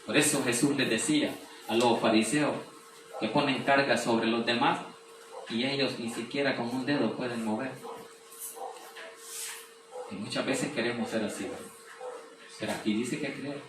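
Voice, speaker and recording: A pastor preaches a sermon in a mid-range voice, keeping his intonation fairly even at a moderate pace and pausing often. He explains scripture, reads verses aloud, and poses rhetorical questions. The room is very echoey, the mic sits at a distance, and there's faint background noise.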